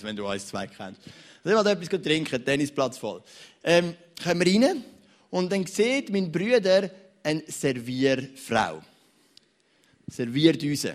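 A young man with a Swiss German accent preaching a sermon in church, telling stories with big swings between loud and quiet. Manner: animated, storytelling, wide swings in pitch and loudness.

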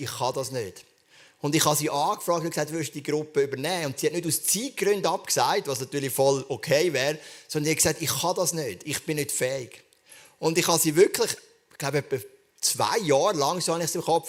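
A man preaching a sermon in a church service, speaking earnestly and conversationally, often addressing the listener directly. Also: a little high.

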